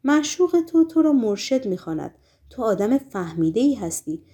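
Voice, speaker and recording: A woman's voice: fairly high pitch, very animated, dark tone. A woman voicing a brusque male demon henchman. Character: menacing male demon henchman, bony-handed and blunt.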